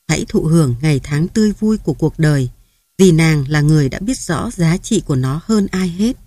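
Lady reading a love story aloud, steady storytelling, low pitch, no room sound. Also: dry recording, studio quality. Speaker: narrator. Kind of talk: audiobook novel reading.

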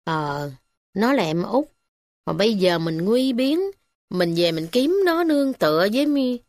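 A woman's voice: medium pitch, big pitch swings, measured pace, darkish tone, no room sound. Woman playing a downcast poor village man, Southern Vietnamese accent, humble and hesitant, dry sound.

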